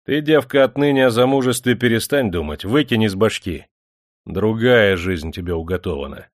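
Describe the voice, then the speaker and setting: A domineering, wrathful factory owner from an audiobook, as a male narrator puts him on, barking orders in a raised, forceful voice. He sounds booming and scornful, well above the reader's own low register, and the audio is dry and close. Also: expressive, moderate pace, no room sound, natural voice.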